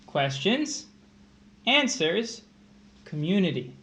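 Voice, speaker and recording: A man's voice: high voice, sing-song, slow, a bit bright. A man co-hosting a tutoring stream, speaking in an exaggerated put-on accent.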